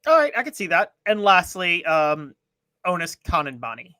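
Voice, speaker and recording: A man co-hosting a sports talk show, talking casually with emphatic, animated delivery. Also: high-pitched, moderate pace, clear, resonant tone, dry recording.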